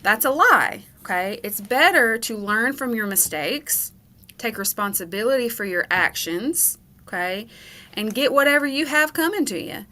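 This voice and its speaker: A woman's voice: a little high, animated, normal speed, bright, forceful tone. A woman teaching a character lesson to children. She checks in with "okay?" after nearly every point and explains patiently. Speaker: school educator.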